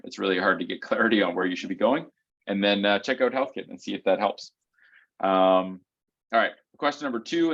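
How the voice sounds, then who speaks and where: Low-voiced man answering questions on a dull call. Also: fairly bright tone. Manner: explains step by step, keeps checking in with "right?" and "um". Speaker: co-host of a foot health community call. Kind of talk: casual explanatory Q&A answers. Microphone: video call.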